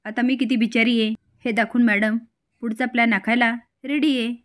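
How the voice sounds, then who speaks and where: A woman's voice: on the high side, flat delivery, moderate pace, lightly acted. A woman doing a jealous scolding fiancée. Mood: scornful. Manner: scolding, accusing. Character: jealous young fiancée, sharp and accusing.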